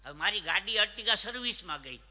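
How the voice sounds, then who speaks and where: Male folk comedian, high bright voice, live stage show with long hall reverb, animated punchlines. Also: a little fast. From Saurashtra, Gujarat. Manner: animated joke-telling, punchlines. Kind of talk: live stand-up storytelling.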